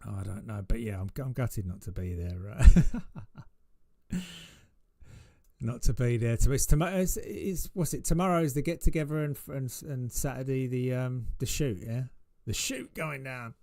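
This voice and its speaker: A man's voice: mid-range voice, moderate pace, gravelly, a little mellow, dry recording, clean studio sound. A man hosting a trading live stream, chatting casually, laughing often and restarting his sentences. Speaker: trading livestream host.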